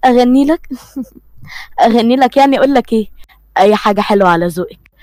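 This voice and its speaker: A woman's voice: fairly high pitch, a little fast, darkish tone, dry recording. A woman with an Egyptian accent reading a romance story aloud and voicing all the characters. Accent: Egyptian Arabic.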